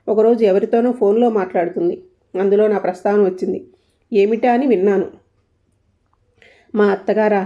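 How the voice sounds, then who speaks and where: A woman's voice: mid-range voice, mellow, lightly acted. Woman reading as a hurt older mother-in-law. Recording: dull lo-fi recording.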